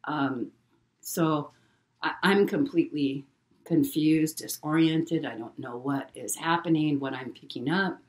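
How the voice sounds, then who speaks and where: A middle-aged woman telling a personal story in a halting way, repeating words and using many fillers. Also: sits low. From Hawaii. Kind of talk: casual spoken storytelling.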